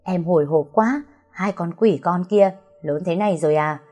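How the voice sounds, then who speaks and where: A woman voicing an excitable widowed aunt who talks in a gushing, dramatic way. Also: on the low side, moderate pace, soft background music, natural voice.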